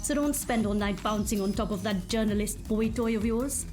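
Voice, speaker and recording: A woman's voice: medium pitch, normal speed, music in the background, close to an everyday voice. A woman playing a caustic, scornful, sarcastic workshop boss in a video game. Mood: grudging, sardonic. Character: foul-mouthed, scornful female boss of a robot workshop. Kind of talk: video game character acting.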